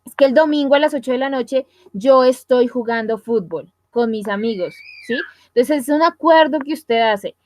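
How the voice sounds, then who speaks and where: Give me a woman teacher giving an online lesson, patient and step by step, with a slightly high voice. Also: normal speed. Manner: explains step by step, asks "¿listo?" and "¿sí?" to check in. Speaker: English teacher.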